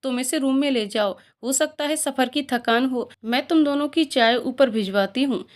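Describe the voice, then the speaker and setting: A woman voicing a kind, motherly mother-in-law who speaks gently. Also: high voice, normal speed, lightly acted. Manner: warm, motherly.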